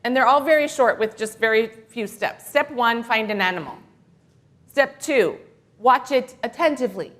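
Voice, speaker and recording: Bright-voiced woman minister talking to children. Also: fairly high pitch, moderate pace. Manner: animated, playful, gently encouraging. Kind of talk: children's time talk in a worship service. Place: church sanctuary.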